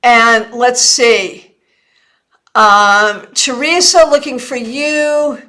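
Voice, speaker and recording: Woman, high voice, hiccuping, chatty live-stream tarot host who keeps saying sorry. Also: steady tone, bright, forceful tone. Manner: apologetic, chatty, quick answers to viewers. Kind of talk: casual live-stream readings.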